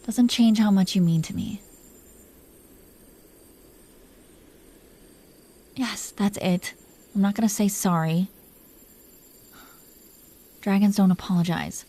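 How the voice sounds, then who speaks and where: In a dark, soft-edged, husky mid-range voice, a woman plays a proud dragon queen, possessive yet secretly tender toward her lover. Her teasing is breathy, haughty and lingering, moving from haughty to softening, in intimate roleplay audio drama meant for close listening and often whispered.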